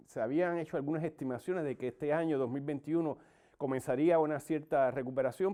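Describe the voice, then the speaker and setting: A male expert guest with a Cuban Caribbean Spanish accent answers interview questions analytically. His voice is mellow and relaxed, at a middling pitch. He explains formally, stressing important words. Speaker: guest economist and academic.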